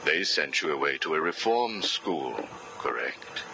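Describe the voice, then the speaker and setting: A man's voice: a bass voice, animated, a little slow, exaggerated voice. An actor playing a cold, manipulative male interrogator who asks clinical, probing questions, heard as a cassette tape recording. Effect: played back from a cassette tape recording. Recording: hissy cassette tape playback.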